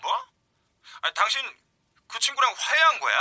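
A man's voice: very high voice, big pitch swings, normal speed, bright, forceful tone, no room sound, clean studio sound, exaggerated voice. An actor playing a husband who teases his wife with wry, grumbling remarks in a radio drama. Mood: puzzled. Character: teasing husband, dry and grumbling.

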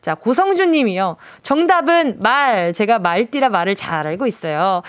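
A woman radio DJ chats playfully in the studio on a casual show, reading out listener messages and reacting quickly to them. Her fairly high voice has lively intonation, captured on a studio mic with no echo.

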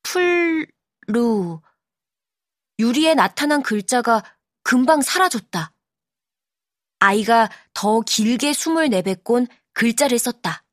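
A woman narrating an audiobook in a calm, measured storytelling manner, close to the mic. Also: a little high, dry recording. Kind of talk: scripted narration.

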